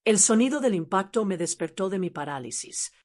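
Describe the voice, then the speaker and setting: A woman reads a scripted first-person family drama aloud. Her voice sits at a medium pitch. She tells it in a dramatic, even storytelling manner. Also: fairly quick.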